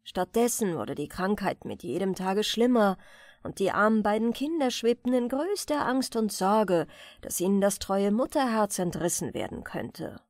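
A woman reading a fairy tale aloud as a soothing bedtime story, in a gentle, expressive manner. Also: mid-range voice, normal speed, no room sound, studio quality. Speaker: audiobook reader.

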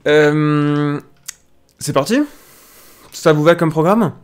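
A man's voice: fairly high pitch, takes it slowly, smooth. Drowsy man hosting a morning stream. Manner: hesitant, many filler sounds and restarts. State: just waking up. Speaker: livestream host. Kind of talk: casual morning news chat.

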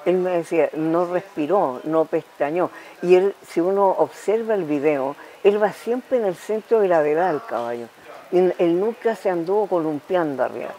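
A Chilean woman in her nineties, a talk-show guest telling lively anecdotes and punctuating them with spoken sound effects. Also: fairly low pitch, normal speed, a little hiss or hum, low-quality recording. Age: 90s.

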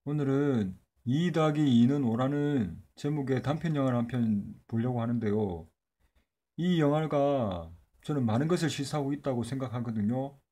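A man's voice: medium pitch, warm tone. A man hosting his channel, politely introducing a short film to watch together. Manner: polite, measured. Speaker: video host.

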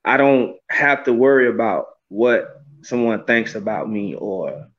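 Speaking unhurriedly in a lowish, expressive, fairly bright voice, a gospel singer in his thirties from Florida reflects earnestly during a video call interview from a small room, often saying "you know." The close-framed webcam audio is slightly dull and lo-fi.

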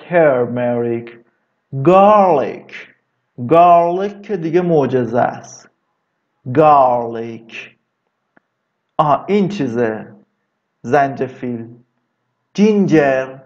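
Guy going over vocab words, says each one slow and stretched, chats in between, kinda dull lo-fi sound. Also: mid-range voice, darkish tone. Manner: slow, drawn-out repetition of words, chatty asides. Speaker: English teacher. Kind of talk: casual vocabulary lesson.

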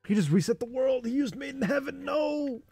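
A man's voice: very high voice, animated, normal speed, gravelly, darkish tone, husky, soft background music. A man streaming casual reaction commentary, rambling and profane with many fillers.

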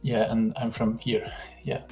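A young man from Hungary with a Hungarian accent, a guest speaking over a headset on a video call, pausing often and filling gaps with "uh". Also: fairly low pitch, completely flat delivery, warm tone, roomy sound, highs cut off, faint music behind. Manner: hesitant, many pauses and fillers. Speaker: guest 3D artist. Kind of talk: livestream video call interview.

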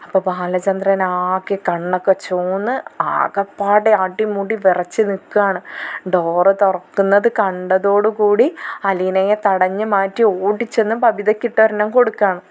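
A woman's voice: mid-range voice, little pitch movement, moderate pace, darkish tone. A young woman chattily retelling the plot of a drama in casual, conversational narration. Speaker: storyteller.

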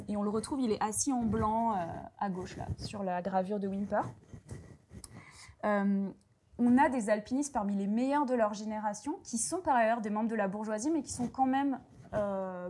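A woman's voice: mid-range voice, darkish tone, slight background noise. A woman giving a public lecture with slides, talking in a hesitant way with many fillers and restarts.

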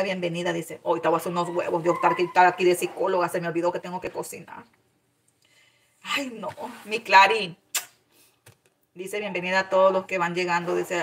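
A woman's voice: mid-range voice, fairly bright tone, a little hiss or hum. A woman hosting a casual live stream, reading out viewer comments and greeting each one with affectionate endearments. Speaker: cooking channel host reading live chat.

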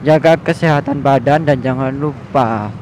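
A young man chatting and joking as he rides a motorbike on a highway, talking to viewers in casual slang. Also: normal speed. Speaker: motovlogger. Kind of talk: casual riding commentary. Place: riding a motorbike on a highway outdoors. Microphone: helmet or bike camera mic. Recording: loud wind and traffic noise. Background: engine and traffic noise.

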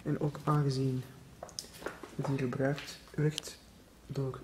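A man with a Flemish accent narrating an exploration vlog through an abandoned factory, talking in a hushed voice that often drops to a whisper. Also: medium pitch, flat delivery, slow. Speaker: urban explorer vlogger. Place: abandoned factory, large empty halls indoors. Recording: noisy handheld camera audio.

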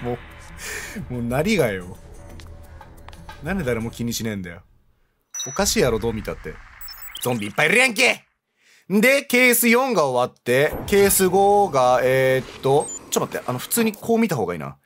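A man commentating his gameplay, joking and yelling at characters on screen. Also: medium pitch, a little fast. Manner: animated, joking, talks back at the screen. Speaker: let's play streamer. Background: game music.

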